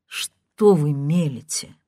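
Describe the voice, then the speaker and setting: A woman reading aloud, voicing a man of forty who speaks quietly and numbly. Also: deep voice, takes it slowly, no room sound, studio quality. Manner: quiet, subdued. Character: numb forty-year-old man, quiet and flat.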